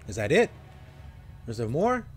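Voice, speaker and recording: Young guy playing a shooter, slangy reactions, pitch all over, game noise behind him. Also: sing-song. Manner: slangy, drawn-out exclamations. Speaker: gaming let's player. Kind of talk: casual game commentary. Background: video game sounds.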